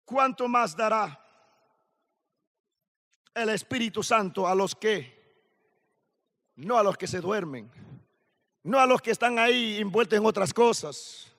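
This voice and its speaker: High-voiced preacher man in a big hall. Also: animated. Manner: slow emphatic preaching with rising shouts. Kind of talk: sermon. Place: large hall at a youth camp. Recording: long hall reverb.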